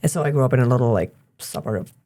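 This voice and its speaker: A woman in her thirties from Germany, a gym owner chatting casually as a podcast guest, relaxed and laughing often. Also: very deep voice, rapid-fire, slight background noise. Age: 30s. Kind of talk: casual interview chat.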